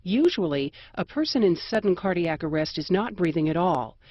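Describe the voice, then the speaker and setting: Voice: medium pitch, expressive, a little mellow, no echo. Dry, precise American instructional narrator. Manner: measured, precise, formal.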